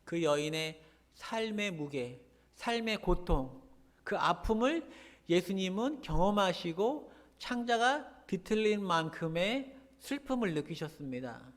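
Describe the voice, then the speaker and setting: A man's voice: high-pitched, big pitch swings, unhurried. A male pastor preaching a sermon, earnest, driving his points home by repeating key phrases. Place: church sanctuary. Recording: long church hall reverb.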